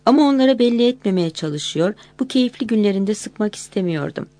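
A woman narrating an audiobook in a calm, measured reading voice. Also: mid-range voice, no room sound.

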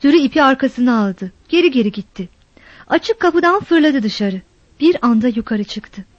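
Brief: high-voiced female storyteller, measured reading, dry and slightly dull recording. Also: expressive, dry recording. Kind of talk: scripted narration.

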